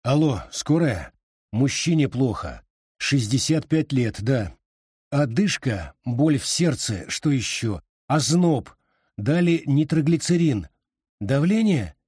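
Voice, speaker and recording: A man's voice: mid-range voice, big pitch swings, slow, darkish tone, slightly rough, dry recording, clean studio sound, exaggerated voice. A man voicing a brusque young husband who barks curt orders.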